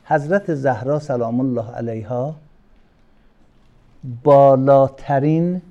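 An older man teaching a religious class, telling personal stories and stressing his points by slowing down and suddenly raising his voice. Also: mid-range voice, muffled recording. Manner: warm storytelling with sudden loud emphatic lines; slows down and stretches key words. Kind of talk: informal religious talk to a class.

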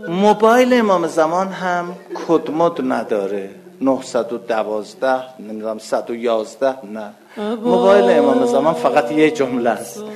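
A man's voice: mid-range voice, a crowd in the background. A middle-aged man with an Azerbaijani Turkish accent, from Iranian Azerbaijan, preaching a sermon in an emotional, dramatic storytelling manner. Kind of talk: religious sermon.

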